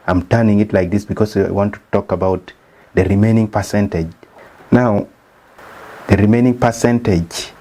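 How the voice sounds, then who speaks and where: A Ugandan statistician hosts his channel, guiding viewers through a slideshow lesson one step at a time. He speaks English with a Ugandan accent, though it isn't his first language, and his voice is fairly low and mellow as he explains methodically.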